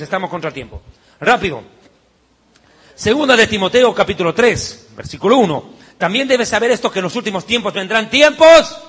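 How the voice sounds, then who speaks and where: A man preaching a sermon in a heated, mocking way, with sudden shouts. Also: sits high, breathy edge.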